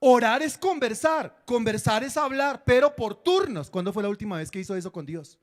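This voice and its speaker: A man's voice: very high-pitched, lively intonation, moderate pace. A man preaching a sermon as pastor, acting out prayers and dialogues and quizzing his congregation.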